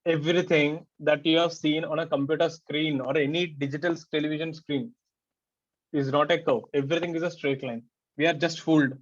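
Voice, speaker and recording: A man's voice: on the high side, steady tone, fairly quick, muffled recording. A man teaching a class, explaining things conversationally and peppering students with rhetorical questions.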